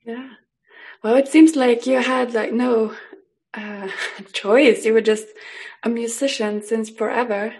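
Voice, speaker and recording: Mellow-voiced woman podcast host. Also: a little high, steady tone, slow. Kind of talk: scripted podcast intro and interview.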